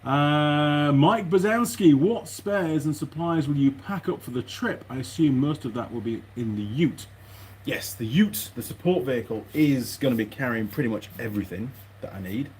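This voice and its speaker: Expressive and darkish in tone, the mechanic speaks at normal speed with a mid-range voice, chatting hesitantly and muttering to himself in a rambling workshop vlog. The recording is noisy, with clicking and parts rustling around him.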